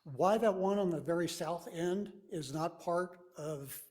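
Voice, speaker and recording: Senior male property owner at a hearing, fairly high voice, explaining his position to commissioners. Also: measured pace, a little mellow. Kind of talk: public comment at a hearing. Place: county meeting room.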